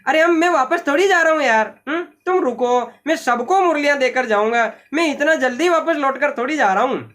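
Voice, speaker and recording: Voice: high voice, brisk, a bit bright. A teacher voicing a cheerful male flute seller who patiently coaxes a crowd of eager children to wait their turn. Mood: coaxing. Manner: patient, coaxing, repeats himself.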